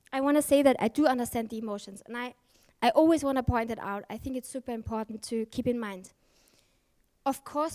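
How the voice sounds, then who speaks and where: On a conference stage, a woman with a fairly high, darkish voice gives a candid, emphatic talk. She swears freely, fills her speech with fillers, and keeps correcting herself mid-sentence.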